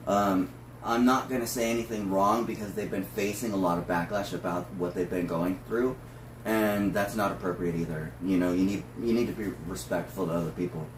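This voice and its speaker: A man who is a drag performer, talking casually through notes in a discussion. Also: lowish voice. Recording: roomy, distant mic with faint noise.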